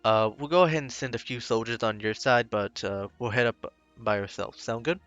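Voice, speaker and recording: A man narrating as game master of a tabletop game, laid-back and halting. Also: medium pitch, fairly bright tone, lo-fi sound, faint music behind.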